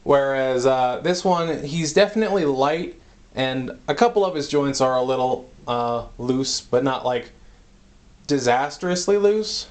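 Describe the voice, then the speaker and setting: A man giving a casual spoken toy review, rambling and halting with many fillers, slightly out of breath as he stands by a camera on a tripod. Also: mid-range voice, animated. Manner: rambling, halting, full of "uh" and "you know".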